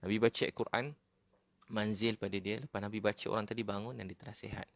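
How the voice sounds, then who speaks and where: A man's voice: fairly low pitch, little pitch movement, quick pace, gravelly, no room sound. A male Islamic preacher, giving an informal religious talk in a conversational way, often dropping "ha" as a filler. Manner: conversational, peppered with "ha" fillers and repetition.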